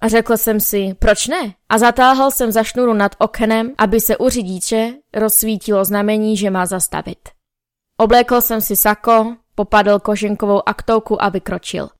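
A woman reading a novel aloud as first-person narrator, in a measured, wry storytelling manner, close to the mic. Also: mid-range voice, fairly even intonation, no room sound. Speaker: audiobook narrator.

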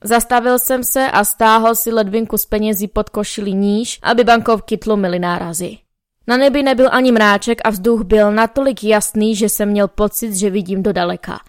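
A woman reading a novel aloud as first-person narrator, in a measured, wry storytelling manner, close to the mic. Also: mid-range voice, fairly even intonation, no echo. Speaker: audiobook narrator.

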